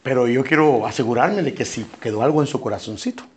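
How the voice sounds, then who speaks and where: Husky-voiced man preaching a sermon. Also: mid-range voice, fast, a little mellow. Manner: emphatic, repeats phrases and keeps addressing listeners as brother. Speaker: pastor.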